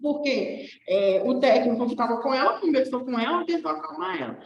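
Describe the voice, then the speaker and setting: A young woman with a high voice gives a nursing lecture in a loose, conversational way, checking in with her class as she goes. Her voice rings in an echoey room. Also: expressive, fairly quick, muffled recording. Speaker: nursing teacher.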